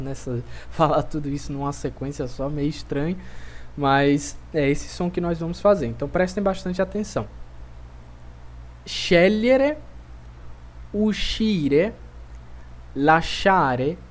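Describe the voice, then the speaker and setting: A man with a Brazilian Portuguese accent teaching a pronunciation lesson, speaking clearly and repeating each word slowly for drilling. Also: fairly high pitch, steady tone. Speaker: language teacher.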